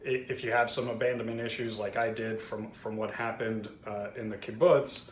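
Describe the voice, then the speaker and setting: A man's voice: fairly low pitch, flat delivery, moderate pace. Earnest man in an echoey room. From Israel. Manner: candid, personal, with frequent fillers and restarts. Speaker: trauma-healing video host. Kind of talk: earnest explanatory talk to camera. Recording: roomy echo with faint background noise.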